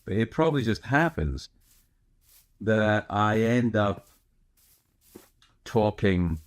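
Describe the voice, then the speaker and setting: A man with a light Scottish accent, softened by years in America, answering viewer questions in a rambling, digressive chat full of fillers and restarts. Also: on the low side, lively intonation, slow. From Scotland. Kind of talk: casual chat.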